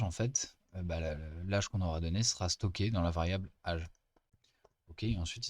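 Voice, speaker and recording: A teaching assistant talks through programming exercises in a relaxed, chatty way, pausing often as he thinks. His voice sits very low. The sound is dry and close, with no room echo. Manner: casual, chatty explaining with frequent pauses. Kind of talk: screen-recorded coding lesson.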